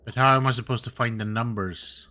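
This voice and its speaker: A man's voice: mid-range voice, steady tone, a little fast, pushed and bright. A male streamer giving live commentary on a game and muttering to himself while he plays.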